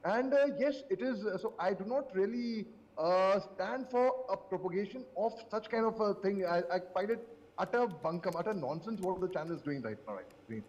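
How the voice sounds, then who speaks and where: A man speaking as a panelist on a live news debate, animated and sarcastic, repeating phrases for emphasis, from a hotel event. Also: high voice, moderate pace, in a large hall, highs cut off.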